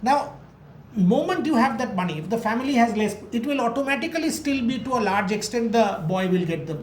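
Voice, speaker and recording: A woman's voice: a little high, lively intonation, brisk. A woman in a casual discussion, talking emphatically with rhetorical questions and repeated words. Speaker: cricket discussion host. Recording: roomy echo with faint noise.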